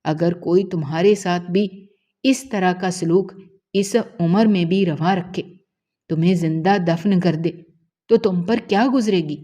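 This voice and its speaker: A woman's voice: lowish voice, dark tone, close to an everyday voice. A woman voicing a compassionate young stranger who pleads earnestly and reproaches a cruel father in a storybook tale. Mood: reproachful.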